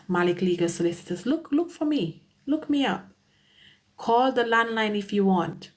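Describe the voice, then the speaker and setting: Chatty Caribbean woman on a live stream. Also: medium pitch. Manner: chatty, laughs often, greets viewers by name. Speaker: immigration solicitor hosting a live Q&A. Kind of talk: casual live-stream chat.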